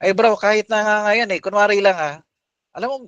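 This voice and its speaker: Animated man coaching listeners. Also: high voice, fairly quick, clear, resonant tone, dry recording, dull audio. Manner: animated, mixes Tagalog and English, addresses listeners as boss. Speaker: podcast host and coach. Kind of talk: casual coaching talk to listeners.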